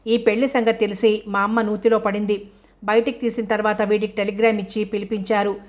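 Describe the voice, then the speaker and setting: A fierce older woman lashes out with harsh accusations in an audio novel, read by a woman narrator. The delivery stays flat and level, without much rise or fall. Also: medium pitch, lightly acted.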